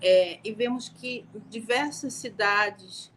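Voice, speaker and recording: A woman's voice: medium pitch, takes it slowly, a bit bright, a little hiss or hum. Middle-aged woman, carioca accent, law professor, chatty live-stream testimony with restarts. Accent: Rio de Janeiro (carioca), softened by years in Manaus. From Rio de Janeiro, Brazil. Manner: conversational, many fillers and restarts. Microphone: home live stream.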